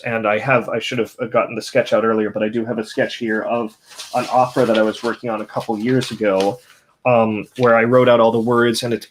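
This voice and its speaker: A man's voice: medium pitch, a bit bright. Thoughtful man searching for his words. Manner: thoughtful, many fillers and restarts. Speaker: composer. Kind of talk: interview conversation.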